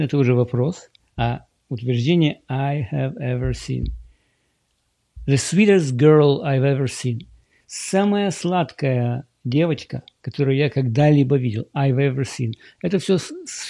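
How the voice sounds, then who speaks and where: Gravelly, dark-voiced man teaching English. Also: medium pitch, no room sound. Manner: explains patiently, slowly repeats English words. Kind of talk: casual screen-share language lesson.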